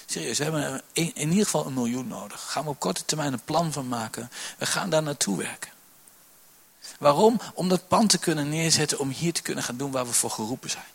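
Animated husky pastor preaching. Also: male voice, on the high side. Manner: animated preaching, swinging between loud calls and quiet asides. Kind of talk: sermon. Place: church hall.

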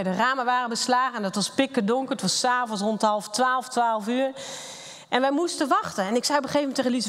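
A woman's voice: high voice, a bit bright. A middle-aged woman giving a candid, blunt and emotional personal testimony. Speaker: speaker sharing a personal testimony. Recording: long hall reverb.

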